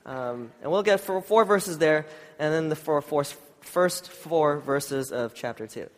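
A man's voice: a little high, unhurried. Nasal male preacher in an echoing hall. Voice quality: nasal, congested. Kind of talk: informal church sermon with scripture reading and prayer. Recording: long hall reverb.

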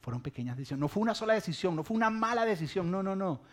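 A man preaching a sermon as a lively storyteller, acting out scenes with humor. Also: high voice, rapid-fire.

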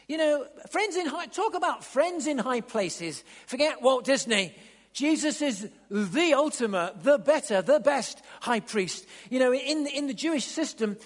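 A man preaching a sermon, stumbling over and repeating words, then building to excited emphasis. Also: high voice. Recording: long hall reverb.

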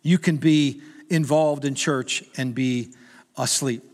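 A man's voice: mid-range voice, steady tone, slow pace, a little mellow, long reverb tail. A middle-aged male pastor preaching a sermon in a conversational, humorous way that rises to urgent appeals.

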